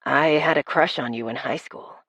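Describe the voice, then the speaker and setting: A dry, teasing young man, voiced by a woman narrator in an audiobook, his voice pitched noticeably lower than hers and kept quiet and deadpan. The recording is close and dry, with no room sound. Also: normal speed, breathy edge, no room sound, exaggerated voice. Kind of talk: audiobook character voice.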